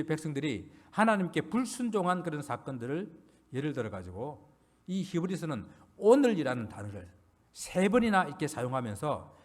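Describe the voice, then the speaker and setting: Animated Korean pastor preaching a sermon. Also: male voice. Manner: earnest preaching with rising emphasis and trailing low endings. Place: church sanctuary.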